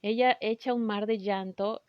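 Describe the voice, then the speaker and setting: A woman's voice: mid-range voice, steady tone, clean tone, dry recording. Earnest woman, dull dry recording. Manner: earnest, emotional, halting with restarts. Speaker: spiritual healer recounting a session. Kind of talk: personal storytelling.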